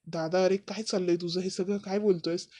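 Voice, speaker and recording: A woman's voice: fairly low pitch, fairly even intonation, a little fast, warm tone, lightly acted. A woman voicing a bossy middle-aged aunt who insists on proper customs. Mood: chiding.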